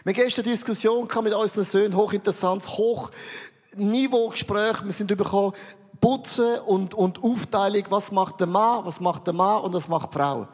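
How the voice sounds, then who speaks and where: A middle-aged man with a Swiss German accent preaching a sermon, swinging between loud outbursts and hushed low lines. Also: brisk. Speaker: pastor. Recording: reverberant hall.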